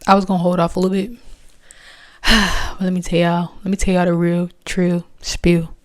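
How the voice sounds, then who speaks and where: A woman's voice: fairly low pitch, level tone, normal speed, no room sound, clean studio sound. A young woman hosting a podcast, talking candidly and casually about faith, with plenty of slang. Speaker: podcast host.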